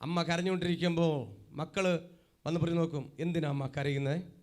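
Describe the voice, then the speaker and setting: High-voiced fervent male preacher. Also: fairly even intonation, a little fast. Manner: fervent, swings between loud cries and hushed asides. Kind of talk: sermon.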